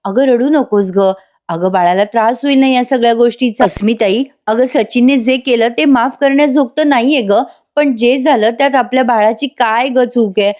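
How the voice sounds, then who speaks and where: A woman reads a young man comforting his sister in a serial recap. He sounds soft, gentle and caring. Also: fairly high pitch, moderate pace, pitched above the performer's own voice, natural voice. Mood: soothing. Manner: gentle, soothing.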